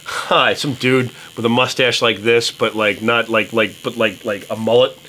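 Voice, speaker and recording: A man's voice: mid-range voice, fairly even intonation, moderate pace, bright, forceful tone. A man hosting a podcast, chatting casually with crude, joking banter. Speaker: podcast host. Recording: faint ambient background noise.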